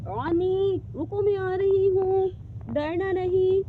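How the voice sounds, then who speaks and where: A woman's voice: very high voice, takes it slowly, voice pushed up. A woman voicing a caring mother who soothes her frightened daughter in a doll story. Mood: reassuring. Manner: soothing, reassuring. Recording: dull lo-fi with loud background noise.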